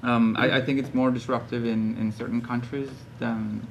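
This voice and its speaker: A man's voice: mid-range voice, level tone, normal speed, creaky, slight background noise. A young man from Norway, an audience member, speaking hesitantly and searching for words. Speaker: audience member asking a question.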